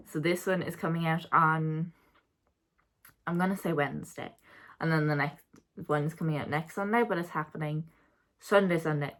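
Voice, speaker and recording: A woman's voice: fairly low pitch, fairly bright tone. A young woman chatting casually about her month's reading, rambling and correcting herself as she goes. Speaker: book vlogger. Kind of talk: casual reading wrap-up chat.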